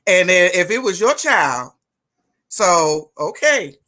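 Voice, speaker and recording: A woman hosting a live interview show, talking in an emphatic, lively way with churchy turns of phrase. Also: fairly low pitch, slow pace. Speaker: host.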